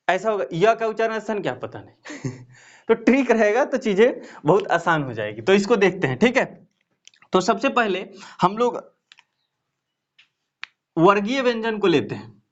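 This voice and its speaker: A man's voice: high voice, lo-fi sound. A man teaching a Hindi grammar lesson to students, patiently asking the class rhetorical questions as he explains.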